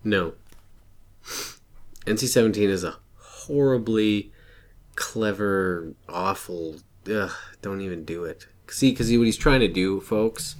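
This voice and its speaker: A man with a slightly low voice trades casual banter as a podcast co-host. He sounds sarcastic and grumbles his way through the exchange. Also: slow.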